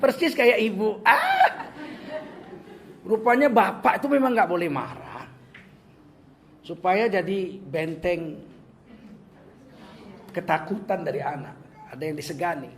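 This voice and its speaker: A man's voice: high voice, unhurried, long pauses. An older man from Medan with a Medan accent, giving a humorous religious talk and acting out the voices he quotes. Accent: Medan Indonesian. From Medan, North Sumatra, Indonesia. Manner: animated, joking, acts out quoted voices. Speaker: preacher.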